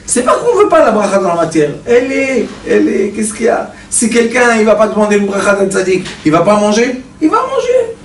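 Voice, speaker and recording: A man, a rabbi, giving a Torah class to a live audience, telling stories and throwing rhetorical questions at the listeners in an animated way. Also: high-pitched, fairly quick. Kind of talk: Torah lecture with storytelling. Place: study center hall with a mixed audience. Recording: echoey room, distant mic, faint noise.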